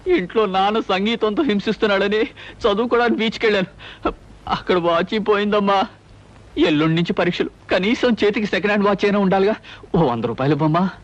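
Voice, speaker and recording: A man's voice: high voice, fast talker, lightly acted. An actor playing a sly young son wheedling his mother for money in a film comedy. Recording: lo-fi film soundtrack.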